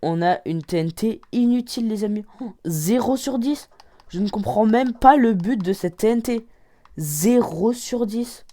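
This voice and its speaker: Excitable woman with a dark, mellow voice. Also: fairly high pitch, a little slow. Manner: excitable, exclaims and rates each item out of ten. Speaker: gaming channel host. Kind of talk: game commentary.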